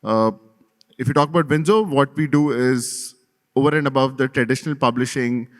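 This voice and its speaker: Man pitching his company in a hall. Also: normal speed. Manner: pitching, business-like. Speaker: company co-founder, panelist. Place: conference hall. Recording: reverberant conference hall.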